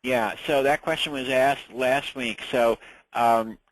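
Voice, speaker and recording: This is a rough recording of a casual ham radio licensing class led by a Long Island man in his sixties with a New York accent. He speaks slowly and steadily at medium pitch, telling stories in a chatty way and repeating words whenever he starts over.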